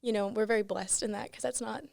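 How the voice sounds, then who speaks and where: A woman's voice: mid-range voice, steady tone, fast talker, gravelly, darkish tone, no echo, studio quality. Earnest teen girl sharing her testimony. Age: teens. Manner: earnest, frequent "like" and "you know". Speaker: podcast guest. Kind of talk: casual chat, personal testimony.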